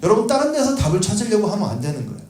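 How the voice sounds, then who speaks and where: A man's voice: sits high, sing-song, very fast, a little mellow, reverberant. A man preaching a sermon at a prayer meeting in earnest, acting out a prophet's questions to God.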